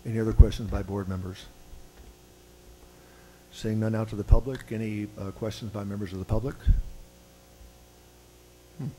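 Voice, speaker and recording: A man's voice: lowish voice, steady tone, normal speed, long pauses, warm tone, a little hiss or hum, low-quality recording. A man chairing a public board meeting, procedural, with a dry sense of humor. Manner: procedural, with dry joking asides.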